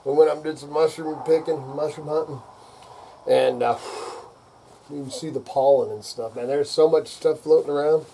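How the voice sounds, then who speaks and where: An older man with a rural American accent goes on a casual, rowdy redneck rant. His voice is gravelly and a touch high, with salty, folksy phrasing. There is steady background noise behind him. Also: normal speed, poor audio. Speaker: vlogger. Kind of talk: casual off-the-cuff rant to camera.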